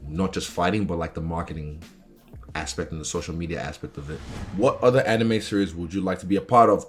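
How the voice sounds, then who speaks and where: A man's voice: sits low, fast, soft background music. A young man talking casually and candidly about himself in an informal interview style, swearing freely. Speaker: professional fighter talking about his interests. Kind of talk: casual chat answering interview questions.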